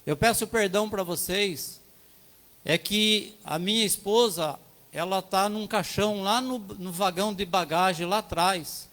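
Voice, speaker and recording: A man voicing a grieving widowed father in a parable, apologizing calmly and humbly. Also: high voice, a little slow. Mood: apologetic. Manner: calm, apologetic explanation.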